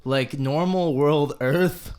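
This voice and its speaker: A young man co-hosting a casual movie review podcast, animated and jokey, laughing often and jumping high in pitch when excited. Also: slow, clear, resonant tone. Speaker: podcast co-host.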